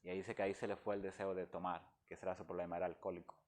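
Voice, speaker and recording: Deep-voiced man giving earnest testimony. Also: little pitch movement, racing, darkish tone. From Dominican Republic. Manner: earnest and heartfelt. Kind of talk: emotional personal testimony.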